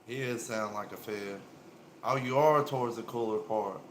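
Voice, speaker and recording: A laid-back man from South Carolina chats casually with viewers on his livestream, using a friendly drawl and slang in a lowish voice at a moderate pace. He talks into a small earpiece microphone in an echoey indoor room with faint ambient noise.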